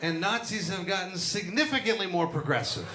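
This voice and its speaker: A man's voice: sits high, expressive, a little fast, background noise. A man doing a crude, brash stand-up set on a comedy club stage, talking into a handheld mic while an audience laughs. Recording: echoey club with loud crowd.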